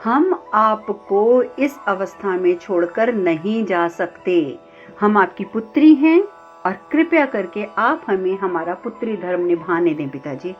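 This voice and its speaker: A woman voicing a devout young goddess princess who speaks firmly and calmly, over a slightly dull recording with faint sitar music behind. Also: mid-range voice, slow pace. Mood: firm devotion. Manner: resolute, pleading with her father.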